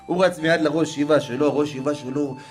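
Male preacher, slightly high voice, dramatic storyteller, soft music underneath. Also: fairly even intonation. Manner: dramatic, swings from hushed to raised voice. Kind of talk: religious storytelling.

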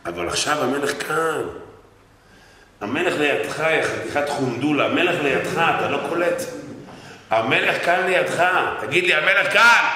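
A man's voice: fairly high pitch, expressive, bright, forceful tone, voice pushed up. A man voicing an irritated old king who insistently lectures his daughter, repeating himself. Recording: echoey hall, faint noise.

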